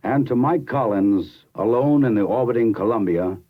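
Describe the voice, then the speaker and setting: A man narrating a scripted documentary in a measured, dramatic storytelling manner. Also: on the low side, narrow, tinny audio, noisy background. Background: music.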